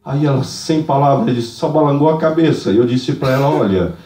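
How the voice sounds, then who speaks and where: A man preaching a fervent sermon and testimony in church, moving from hushed tones to shouts. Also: mid-range voice, steady tone, a little fast, noisy background. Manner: fervent, swings from hushed to shouting, speaks in tongues. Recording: echoey church hall, distant mic.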